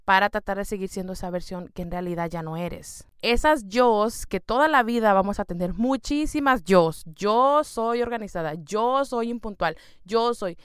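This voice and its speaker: A young woman with a Mexican accent talks to her listener like a friend, casual and full of slang. Her voice is smooth and clear, with a mid pitch. It is recorded close and dry, with no room sound. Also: lively intonation, normal speed, hardly any pauses, dry recording. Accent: Mexican Spanish. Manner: chatty, slangy, addresses listener directly. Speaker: podcast host. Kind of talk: casual self-help monologue.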